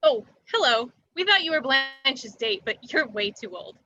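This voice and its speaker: A naive, guileless small-town woman with a high, bright voice, read by a woman in a sitcom read-through. The recording is dry and a little dull. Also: expressive, unhurried, no echo, exaggerated voice. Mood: earnest. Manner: earnest, guileless. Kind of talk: amateur sitcom table read.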